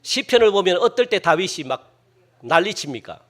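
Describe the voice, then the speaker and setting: A male pastor preaching a sermon, questioning his congregation and acting out loud, pleading prayers with strong emphasis. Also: sits high, sing-song, normal speed.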